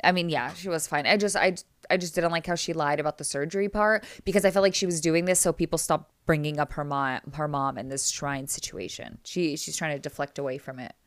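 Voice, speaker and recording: Low, clear-voiced young woman recapping TV. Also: steady tone, brisk, few pauses, no echo. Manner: chatty, narrates scenes, laughs often. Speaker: podcast co-host. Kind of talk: casual TV recap chat. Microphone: remote call audio.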